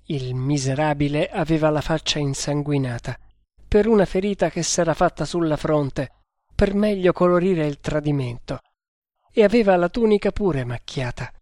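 A man narrating an adventure novel in a measured, deliberate storytelling manner. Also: fairly high pitch, darkish tone, dry recording, clean studio sound. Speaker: audiobook narrator.

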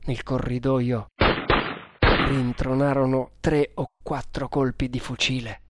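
A man giving a dramatic, measured reading of an adventure novel as narrator. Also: mid-range voice, little pitch movement, very noisy. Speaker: audiobook narrator. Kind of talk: scripted narration.

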